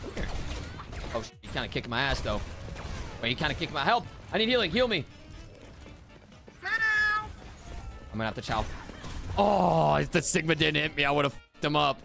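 A man streaming a game, chatting to teammates and chat in an excitable, joking way and swearing often. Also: a little high, moderate pace, pauses often. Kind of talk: casual live-stream gameplay chat. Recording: game music clearly behind the voice.

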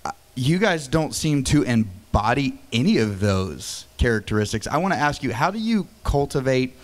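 A man's voice: medium pitch, big pitch swings. A man hosting a church stage panel, asking the guests questions and encouraging them, into a handheld mic. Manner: encouraging, with quick affirmations. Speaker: panel host.

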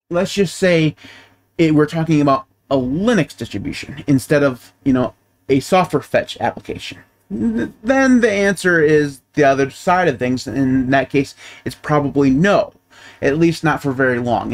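A man in his thirties hosting a tech show, talking casually from a small home office into a desk microphone, thinking aloud with small restarts. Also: on the high side. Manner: conversational, repeats and restarts while thinking aloud. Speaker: tech channel host. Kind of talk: casual explainer monologue. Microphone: desk microphone on boom arm.

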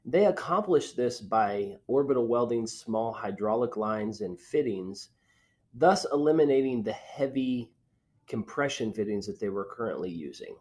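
A man in his thirties presenting a technical slide talk over a webcam, explaining in a lively way and trailing off at line ends. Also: on the low side. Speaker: presenter for an equipment company. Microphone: webcam video call.

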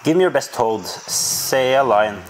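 A man hosting a casual video game session, playful and quick to laugh. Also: medium pitch, expressive, loud music behind the voice, rough recording. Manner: playful, laughs often, slips into silly voices. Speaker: gaming channel host. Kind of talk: casual gameplay chat.

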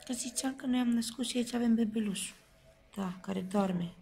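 A woman's voice: a little high, gravelly, warm tone. A young woman vlogging to camera, chatting candidly and straight to her viewers. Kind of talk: casual vlog to camera.

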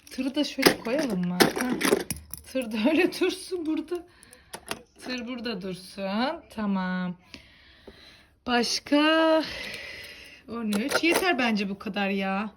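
A woman's voice: fairly high pitch, heavy background noise. A woman hosting a children's toy channel, counting aloud and mildly fretting as the toy cars keep falling over. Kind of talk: toy play narration for children.

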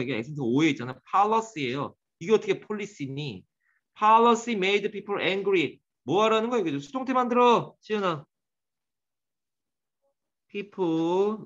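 A man's voice: fairly high pitch, lo-fi sound. A man teaching an English grammar class, quizzing and teasing his students by name as he goes.

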